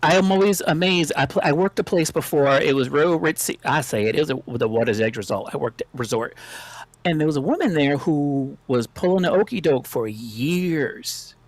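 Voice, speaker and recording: A man's voice: a little high, normal speed, no echo. A man on a panel talk, telling stories in a rambling way and chuckling as he goes. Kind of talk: casual panel discussion.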